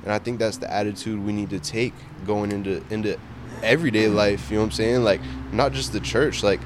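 Casting: man, low register, loose slangy conversational delivery on faith, light street noise behind. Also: fairly even intonation, fairly quick. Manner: informal slangy talk, peppered with "bro" and "you know what I'm saying". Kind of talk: casual faith discussion.

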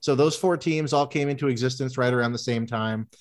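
A man's voice: mid-range voice, fairly quick. A man in his thirties co-hosting a sports podcast, talking in a wry, rambling, self-deprecating way. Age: 30s. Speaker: podcast co-host. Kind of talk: casual sports chat.

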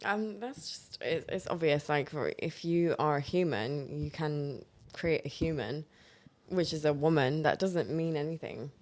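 A woman's voice: low-pitched, measured pace. A young woman, a podcast guest who talks earnestly about spirituality and swears casually. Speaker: podcast guest, holistic healer.

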